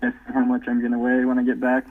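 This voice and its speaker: Man on a tinny low-quality remote call. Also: completely flat delivery, racing. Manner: easygoing, many "um" fillers. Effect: low-quality remote call audio. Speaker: podcast guest. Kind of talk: casual interview chat. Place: at home, away from the host. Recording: tinny phone-like remote line.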